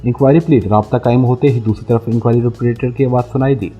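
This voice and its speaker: A man reading a spy novel aloud as narrator, in a measured, even storytelling manner. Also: medium pitch. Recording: slightly muffled recording with faint music.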